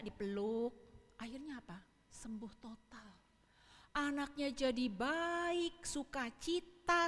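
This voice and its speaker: A woman preacher giving a lively storytelling sermon, speaking directly to her listeners and acting out the people in her stories. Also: on the high side. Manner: lively, addresses audience directly, acts out quoted voices. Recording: reverberant hall.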